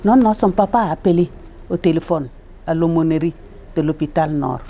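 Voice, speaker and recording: A woman, a religious sister, telling a personal faith testimony about her hospital chaplaincy work, repeating phrases and jumping high in pitch when she quotes people. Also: normal speed, dark tone. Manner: repetitive, retells with quoted dialogue and sudden high leaps.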